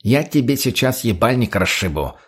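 A man's voice: mid-range voice, very animated, normal speed, slightly rough. A man voicing a crude, short-tempered drug addict thug who barks profanity bluntly. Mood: aggressive.

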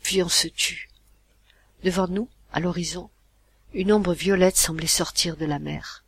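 A reader narrating a literary short story in first person, in a measured, expressive storytelling manner. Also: medium pitch, husky. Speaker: audiobook reader.

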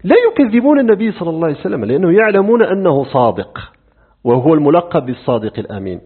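A middle-aged man lectures on creed, quick and full of rises and falls in pitch. He keeps asking his class questions and answering them himself, with a slightly higher voice than most men. The recording is thin and lo-fi, like a phone line. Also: slightly rough. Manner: animated, poses rhetorical questions and answers them. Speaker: religious teacher.

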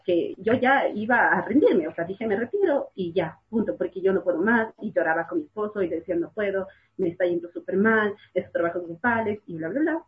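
A woman's voice: fairly low pitch, husky. A woman, a guest telling of life as a mother and student in casual talk, repeating words for emphasis and using many fillers. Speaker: guest sharing her experience as a mother and student. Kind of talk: casual personal testimony. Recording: tinny phone-like line.

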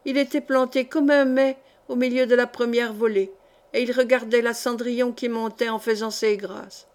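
A woman's voice: on the high side, steady tone, normal speed, darkish tone, close to an everyday voice. A woman voicing a catty, gossiping stout chambermaid. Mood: gossipy.

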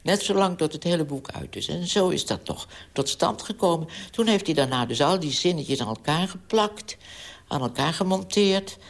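A woman's voice: fairly low pitch, normal speed, creaky. An older woman with a Dutch accent, a children's author, reading her own book aloud and chatting in an archival radio interview. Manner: storytelling, lively voices for characters in quotes.

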